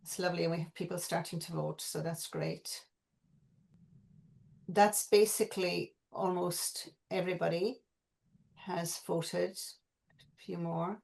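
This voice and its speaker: A woman hosting an online meeting, calmly running and announcing a vote. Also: on the low side, measured pace, vocal fry, pauses often.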